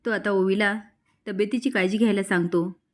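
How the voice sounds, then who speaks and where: Steady woman narrating a serial recap. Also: medium pitch, fairly quick.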